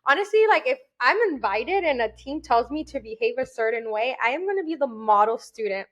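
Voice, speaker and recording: A woman's voice: on the high side, expressive, a little fast, a bit bright. A young woman co-hosting a podcast, talking casually and animatedly, laughing often. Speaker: podcast co-host. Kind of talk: casual chat.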